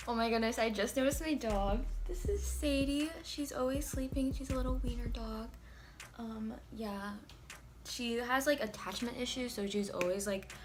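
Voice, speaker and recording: A young woman talking through a casual makeup tutorial in a chatty, rambling way, filling her sentences with "like". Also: on the high side. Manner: chatty, rambling, heavy use of "like". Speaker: beauty vlogger.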